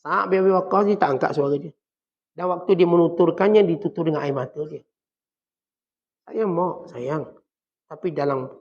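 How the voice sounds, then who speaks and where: A man with a Malaysian Malay accent preaching to a congregation, often acting out the quoted speakers in soft and in harsh voices. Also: fairly high pitch. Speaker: religious teacher. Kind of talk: sermon. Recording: dull lo-fi recording.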